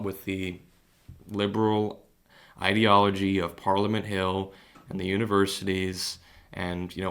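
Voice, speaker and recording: A man's voice: lowish voice, a bit bright. A young man hosting a solo podcast monologue. He rambles and hesitates with many fillers, and speaks earnestly with rising heat. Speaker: podcast host.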